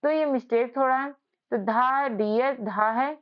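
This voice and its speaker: This woman teaches spelling at a whiteboard in a high, clear, resonant voice, never hurrying. She patiently repeats every point and quizzes her students in return, though the audio is dull.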